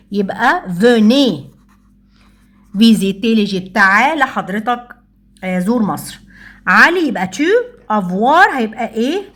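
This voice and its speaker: A woman with an Egyptian Arabic accent, teaching French grammar and working through exercises, saying the French examples slowly and explaining briskly. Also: fairly high pitch, a bit bright. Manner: slow, careful French phrases between brisk Arabic explanation.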